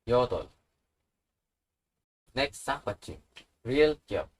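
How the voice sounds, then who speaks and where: Male tutor, slow deliberate delivery, mid-pitched, patient and repetitive. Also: low-quality recording. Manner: patient, repeats each example word slowly. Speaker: language teacher.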